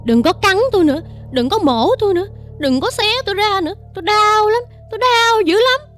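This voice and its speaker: A woman's voice: lively intonation, fairly quick, fairly bright tone, soft background music. A woman voicing a dying old woman who screams and begs animals to stop hurting her. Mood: terrified pleading. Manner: shrill pleading cries.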